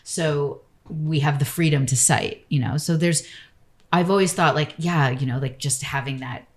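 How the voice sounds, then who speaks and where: A woman's voice: sits low, moderate pace. A woman architect, a guest on an interview podcast, talking casually and rambling with lots of "like" and "you know".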